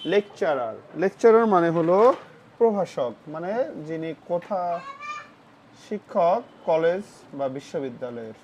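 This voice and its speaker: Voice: medium pitch, a little mellow, slight background noise. Patient teacher, spells letter by letter, repeats words, quizzes kids, slightly dull lo-fi sound. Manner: spells words letter by letter and asks questions of the pupils; patient, repeats each word and its meaning. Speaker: English vocabulary teacher for children. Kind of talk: classroom-style phonics lesson.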